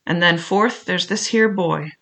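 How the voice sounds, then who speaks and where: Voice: mid-range voice, a little slow, sharp tone. A reader voicing a pushy male pirate who speaks curtly and challenges his captain. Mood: defiant. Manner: curt, challenging. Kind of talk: audiobook character reading.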